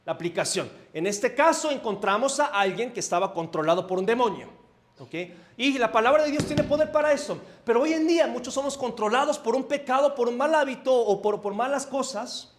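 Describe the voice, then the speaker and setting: Male pastor, Mexico City accent, high voice, animated conversational sermon in a church. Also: a little fast. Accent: Mexico City Spanish. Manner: animated, asks the congregation questions, swings between loud and soft. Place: church sanctuary.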